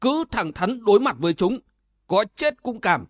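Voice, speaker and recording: A fierce, loyal old bearded retainer, defiant and roaring, as a male reader puts him on. His voice is pitched well above the reader's own and has a dry, close sound. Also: very animated, moderate pace, a bit bright, dry recording, exaggerated voice.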